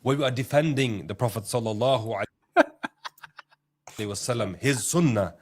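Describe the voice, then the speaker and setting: A man speaking in a played clip, lecturing in a measured, earnest way to his audience. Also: mid-range voice, a little mellow, slightly rough. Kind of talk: lecturing commentary.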